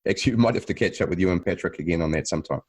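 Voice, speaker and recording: A podcast host with a low, slightly mellow voice and a breathy edge talks rapid-fire in a casual interview. He chats with his guests in a friendly, upbeat way.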